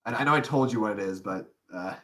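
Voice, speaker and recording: A man's voice: lowish voice, quick pace, fairly bright tone. A young man co-hosting a casual podcast, rambling with lots of fillers, restarts and frequent laughs. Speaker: podcast co-host. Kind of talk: casual chat.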